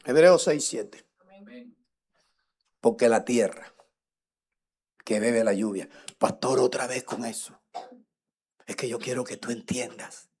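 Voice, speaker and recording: A middle-aged man with a Colombian accent, preaching a teaching sermon, swinging between loud emphatic lines and quiet muttered asides and joking with the congregation. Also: medium pitch, unhurried, pauses often, husky. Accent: Colombian Spanish. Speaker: pastor.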